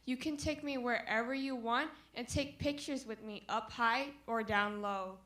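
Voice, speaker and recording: A woman's voice: on the high side, unhurried, bright, forceful tone. A young woman playing a friendly talking camera in a student stage skit, upbeat and addressing the audience. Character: friendly female camera gadget.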